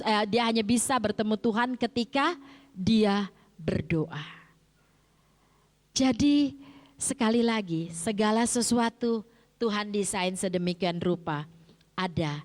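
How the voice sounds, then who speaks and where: A middle-aged woman who grew up in Jakarta, Indonesia, preaches a chatty sermon in a church sanctuary with long hall reverb. Her voice is medium-pitched and a little slow, with long pauses, and she poses rhetorical questions and answers them herself in a conversational way.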